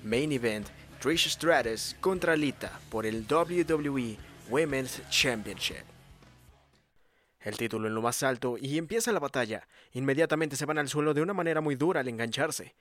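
A man narrating a wrestling match as a commentator, in a dramatic, excitable manner. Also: medium pitch, moderate pace, no echo, faint music behind. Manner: dramatic, building to excited calls.

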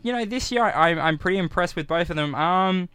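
Aussie guy chatting through baseball stats, clear smooth voice, dry studio sound. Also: sits high, animated, fairly quick, bright, forceful tone, no room sound. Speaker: baseball commentator. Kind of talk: conversational sports commentary.

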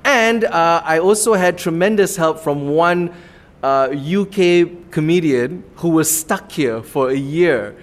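A man's voice: on the high side, expressive, slow pace. A man with a Malaysian accent, a comedy club owner telling his story in an interview, earnest and rambling, laughing now and then.

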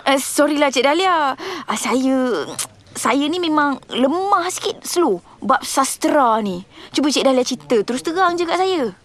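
An actress playing a kind, flustered young helper in a radio drama, with a Malaysian Malay accent and a fussing manner. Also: female voice, high voice, expressive, unhurried. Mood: soothing.

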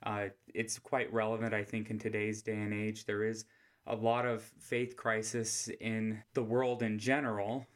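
An American man speaks as the host of an informal scripture lesson. His voice is soft, quiet and on the low side. The delivery stays a flat monotone with very little inflection, kept hushed as if in a room at home. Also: a little slow. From Utah, United States. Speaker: host of a scripture study podcast.

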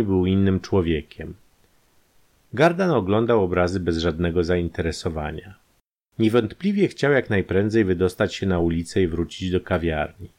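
A man narrating a crime story in a calm, measured way. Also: sits low.

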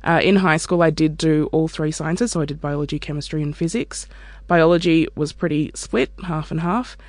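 A research scientist from Australia, whose first language is Turkish, talks candidly and reflectively about her work in an interview monologue. Her voice sits low and moves at a moderate pace, and the recording is dry.

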